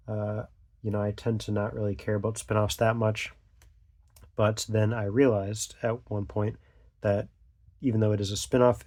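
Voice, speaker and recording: Hosting his channel's relaxed, unscripted vlog, this young man has a lowish voice with a darkish tone. A slight cold leaves him stuffy, and he talks haltingly, leaving thoughts half-done and using plenty of fillers.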